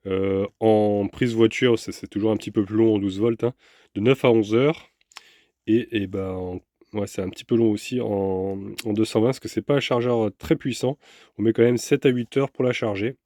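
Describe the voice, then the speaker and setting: Low-voiced man chatting through an unboxing. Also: normal speed, no echo, studio quality. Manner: relaxed, chatty, with filler hesitations. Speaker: vlogger reviewing a power station. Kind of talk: casual product unboxing.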